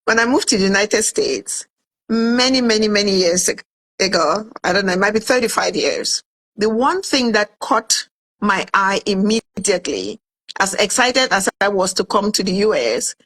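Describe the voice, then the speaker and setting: A Cameroonian woman in her fifties, an author and food entrepreneur, tells her story as a guest in a casual interview, animatedly acting out in quotes what she said back then. Her voice is medium in pitch and her pace moderate, though the audio is poor.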